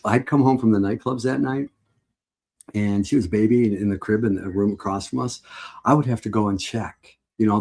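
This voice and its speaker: Low husky man reminiscing. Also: a little mellow. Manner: rambling, with frequent restarts and laughs. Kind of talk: casual reminiscing talk.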